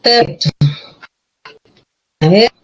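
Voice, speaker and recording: A woman's voice: drawn-out words, slight background noise, low-quality recording. A woman teaching an online class, patient and checking often that students follow, with a Peruvian Spanish accent.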